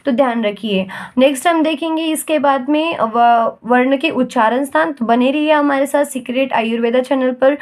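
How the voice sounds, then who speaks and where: Female teacher, high voice, patient lesson delivery with frequent check-ins. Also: a little mellow. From India. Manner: patient, repeats "ठीक है?" to check understanding; recites letters slowly one by one. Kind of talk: classroom-style lesson explanation.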